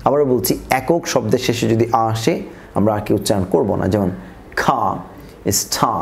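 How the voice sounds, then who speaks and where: A man's voice: lowish voice, lively intonation, fast, gravelly, darkish tone, a little hiss or hum. A man with a Bangladeshi accent teaching English pronunciation in a methodical way, saying each example word twice. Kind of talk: scripted lesson narration.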